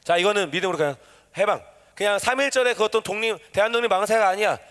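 A man's voice: high-pitched, quick pace. A man preaching a sermon to a young group, coaxing answers and leading them in call-and-response. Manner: animated call-and-response, coaxing and quizzing listeners. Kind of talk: interactive sermon with youth. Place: church hall. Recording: long reverb of a church hall.

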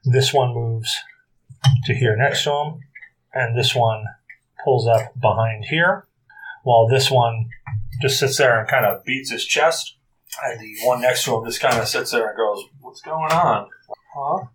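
A man running a tabletop game as game master, describing the scene with halting, filler-laden narration. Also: medium pitch, fairly bright tone, poor audio.

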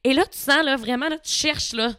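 This young woman in her twenties speaks with a Québécois accent, and her voice sits a little high and rings bright and forceful. She tells stories in an excitable, animated way, acting out sounds as she goes. The recording is close and dry. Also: fairly quick, no room sound. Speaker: podcast guest. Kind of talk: casual chat.

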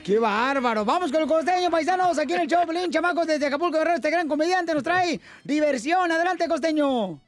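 A man hosting a radio comedy show, introducing guests with quick, teasing banter. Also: very high-pitched, soft background music.

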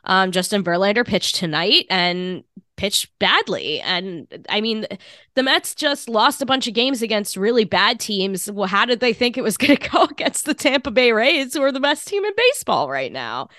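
Podcast host, woman, sick with a cold: raspy, congested voice, casual sports chat, dry close sound. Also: medium pitch, sing-song, moderate pace, fairly bright tone, no room sound. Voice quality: raspy, stuffy-nosed.

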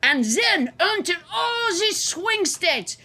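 A woman's voice: very high voice, sing-song, slow pace, pushed and bright, full character voice. A woman voicing a crude, boastful male president in a comedy press conference parody, blunt and pompous. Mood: smug, dismissive.

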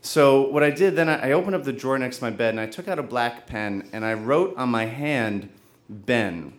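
A man telling a personal story live on stage, earnest and halting, with frequent restarts. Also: mid-range voice.

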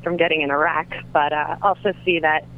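A woman's voice: deep voice, fairly even intonation, fairly quick. Woman, phone caller, tinny telephone sound, faint hiss, casual, hesitant. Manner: hesitant, with many ums and uhs. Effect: heard over the phone. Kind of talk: casual call-in chat.

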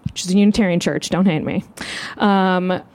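A woman comedian telling a comic story live on stage, animated and self-mocking. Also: moderate pace. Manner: animated, self-mocking, jumps into high voices. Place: live show outdoors.

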